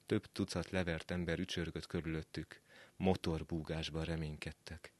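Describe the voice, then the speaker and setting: A man reading a short story aloud in a calm, measured way in a radio studio, letting line endings fall soft. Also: rumbling low, no room sound. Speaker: reader. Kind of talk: scripted narration.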